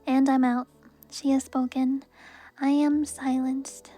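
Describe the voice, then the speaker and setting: Young woman, soft ASMR reader, high flat delivery, gentle and even. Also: slow pace, faint music behind. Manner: soft, even reading voice with brief laughs at the text. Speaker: streamer reading a book aloud.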